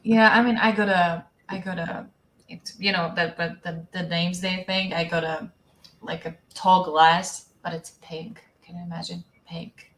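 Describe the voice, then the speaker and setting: A woman's voice: lowish voice, fairly even intonation, measured pace, a bit bright, echoey room. A woman co-hosting a casual podcast chat, playful and teasing, often restarting her words.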